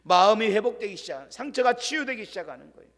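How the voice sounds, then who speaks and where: A male pastor tells a sermon story with a high, bright-sounding voice. He tells it dramatically and sinks to a hush when quoting someone. His words ring out with a long echo through a church sanctuary. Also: animated, quick pace. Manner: dramatic storyteller, drops to hushed voice for quoted lines. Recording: long church-hall reverb.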